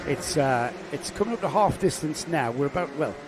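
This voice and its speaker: A man's voice: on the high side, animated, normal speed, noisy background. A man commentating live on a kart race, explaining the racing and teasing his co-host. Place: outdoor kart track commentary point.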